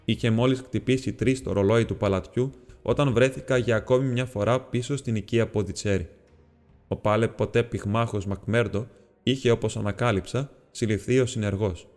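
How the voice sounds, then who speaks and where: Man, audiobook narration, steady and measured, faint music underneath. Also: lowish voice, long reverb tail. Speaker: audiobook reader.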